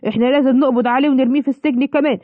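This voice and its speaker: A woman's voice: sits high, fairly even intonation, racing, dry recording, close to an everyday voice. A woman with an Egyptian accent voicing a stern male police officer who lectures. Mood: officious. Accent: Egyptian Arabic. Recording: dull lo-fi, clear background noise.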